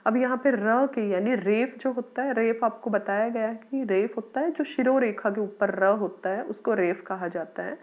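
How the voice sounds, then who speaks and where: A woman's voice: fairly high pitch, moderate pace, hardly any pauses. Teacher woman with tinny audio. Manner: patient, explains step by step, calls listeners "beta". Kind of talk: workbook lesson for children.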